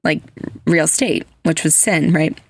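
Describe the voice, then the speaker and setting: A woman's voice: low-pitched, measured pace, gravelly, husky, no room sound. A woman hosting a podcast, telling stories in casual, gushing chat with lots of "like" fillers. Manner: chatty, heavy use of "like" fillers; earnest, gushing storyteller. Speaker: podcast host.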